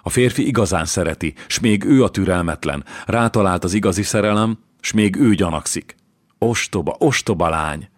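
Deep-voiced male audiobook narrator. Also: few pauses, dry recording, clean studio sound. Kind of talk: scripted historical novel narration.

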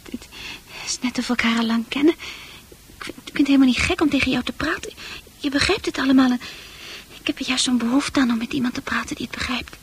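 In a radio play, a woman voices a troubled, unsure teenage girl, speaking intimately and hesitantly in a husky, breathy tone that often drops to a near-whisper. Her voice sits high, with fairly even intonation and a quick pace, and the mood is shy and tender.

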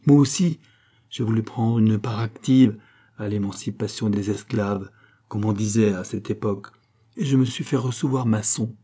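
A grave, gentle count speaks in an audiobook, earnest and affectionate. A man voices him low and husky, with a soft, mellow tone. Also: moderate pace.

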